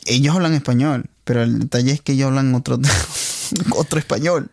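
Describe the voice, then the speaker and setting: A man's voice: medium pitch, a little fast, creaky, a little mellow. A Venezuelan man co-hosting a casual chat, joking and laughing often, dropping in English words. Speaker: co-host.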